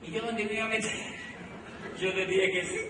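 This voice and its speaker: A middle-aged man with a Colombian accent giving an animated motivational talk to an audience, telling his story with many repeated phrases. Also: sits high, normal speed, noisy background. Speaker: motivational speaker. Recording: echoey hall recorded from far off.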